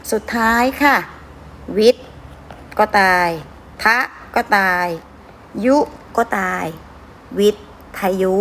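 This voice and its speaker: A woman's voice: medium pitch, vocal fry, fairly bright tone, a little hiss or hum. A woman teacher going through worksheet answers with her pupils, sounding out words syllable by syllable and often asking whether they follow. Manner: drawn-out syllable-by-syllable reading, frequent checking questions. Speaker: schoolteacher.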